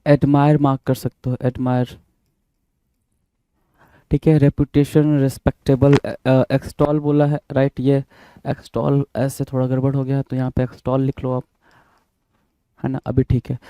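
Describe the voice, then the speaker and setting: Male teacher, very dark and even-toned, dry close sound, repetitive question-and-answer style. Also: mid-range voice, moderate pace, pauses often, clean tone, no room sound. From India. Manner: repeats words, spells them out letter by letter; asks the class questions and answers them himself. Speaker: vocabulary teacher. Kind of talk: bilingual classroom explanation.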